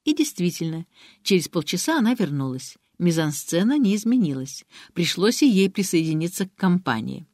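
A woman narrating an audiobook in an expressive, animated reading voice. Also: fairly low pitch, normal speed, no room sound, clean studio sound.

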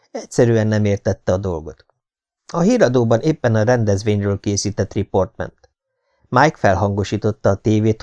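Male narrator, scripted audiobook reading, fairly low pitch, measured and even. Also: vocal fry.

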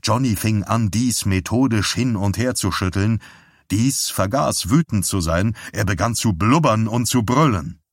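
A man narrating an audiobook in a steady, measured way. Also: on the low side, no room sound, studio quality.

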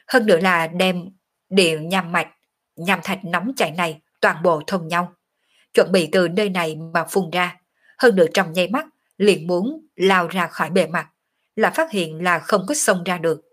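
A woman narrating a martial arts novel as an audiobook in a steady, dramatic storytelling manner. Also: lowish voice, husky.

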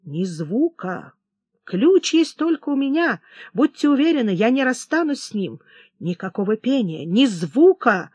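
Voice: medium pitch, big pitch swings, measured pace, husky, dry recording, pitched above the performer's own voice. A reader doing an agitated, feverish young king. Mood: commanding. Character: troubled, erratic young male king. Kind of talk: audiobook character reading.

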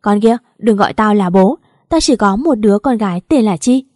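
A woman reads as an enraged old father shouting from his sickbed in a storybook audio drama, the voice mellow and dark. The delivery is loud and harsh, and the sound is dry and close with no room around it. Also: medium pitch, lively intonation, normal speed, no room sound, close to an everyday voice. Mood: furious. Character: furious bedridden old father disowning daughter.

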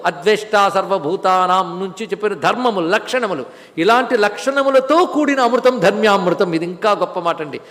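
A male spiritual lecturer giving a devotional scripture discourse, chanting verses in a sung cadence and then explaining them with lively storytelling. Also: sits high. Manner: storytelling with lively rises and drops. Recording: long hall reverb.

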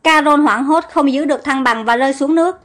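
A woman narrating an audiobook story in a steady, plain reading manner. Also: high voice, a little fast, faint music behind.

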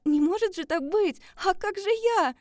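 Woman reading as a desperate young woman, high shrill pleading, tearful, mellow tone, audiobook. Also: moderate pace, dry recording, close to an everyday voice. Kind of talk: audiobook character voice.

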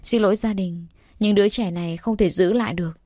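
A woman voicing a gentle, apologetic middle-aged male doctor in an audio story, soft and measured. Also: mid-range voice, no room sound, clean studio sound, natural voice. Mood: grave.

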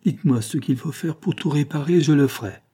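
A man's voice: a little high, brisk, dark tone, husky, pitched above the performer's own voice. A man voicing a proud, wounded young woman. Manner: firm, dignified, pleading at times. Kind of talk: audiobook reading.

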